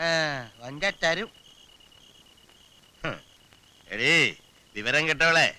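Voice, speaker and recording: An actor playing a stern, scolding older father who mocks his family with gruff, sarcastic remarks in a film comedy scene. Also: fairly high pitch, lively intonation, drawn-out words, sharp tone, exaggerated voice, poor audio. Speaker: family patriarch.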